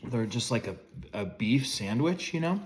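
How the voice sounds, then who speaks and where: A man's voice: medium pitch, expressive, normal speed, slight background noise. Man chewing while talking, casual food review.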